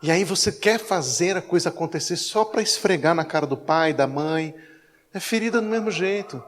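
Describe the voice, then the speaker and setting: A man's voice: a little high, moderate pace, slight background noise. A man with a Brazilian Portuguese accent, a pastor preaching a conversational sermon with acted-out anecdotes, in a church. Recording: echoey church hall.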